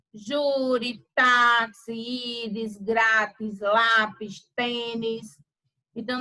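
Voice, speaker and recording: Slow, bright-voiced teacher. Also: female voice, sits high, low-quality recording. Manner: slow, deliberate word-by-word dictation. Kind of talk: online grammar lesson.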